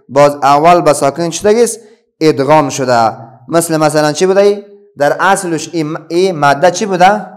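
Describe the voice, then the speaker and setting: A man with an Afghan Dari accent teaching a children's reading lesson. He asks his pupils a question, then answers it himself, with many pauses and fillers. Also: fairly high pitch.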